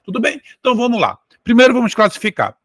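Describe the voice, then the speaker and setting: Bright-voiced teacher, dry sound. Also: male voice, very high voice, sing-song, quick pace, no room sound. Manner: explains step by step, stretches out words to sound syllables. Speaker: Portuguese language teacher. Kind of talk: exam-prep lesson.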